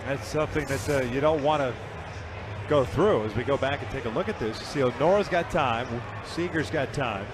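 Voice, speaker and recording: A man's voice: medium pitch, brisk. A man giving live play-by-play commentary on a televised baseball game. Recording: broadcast booth over clear stadium noise.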